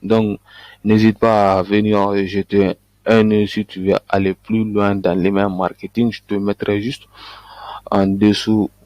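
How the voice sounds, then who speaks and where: A man's voice: fairly low pitch, a little mellow, dry recording. A man coaching on online business, talking through a screen-share tutorial with frequent hesitations and restarts. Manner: hesitant, many fillers and restarts.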